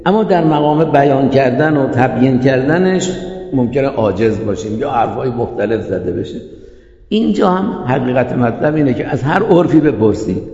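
A man's voice: mid-range voice, lively intonation, dark tone. Man lecturing in an echoey hall. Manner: explanatory, asks rhetorical check questions. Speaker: teacher of Islamic jurisprudence. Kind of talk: classroom lecture. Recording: echoey hall, dull lo-fi sound.

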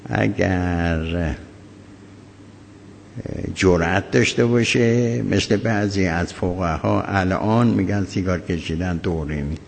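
A deep, gravelly man delivers a religious law lecture, measured and halting, often stopping mid-thought. His voice rings with a long hall echo over a faint hum of ambience. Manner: measured, halting lecture with many pauses and fillers. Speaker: cleric teaching jurisprudence.

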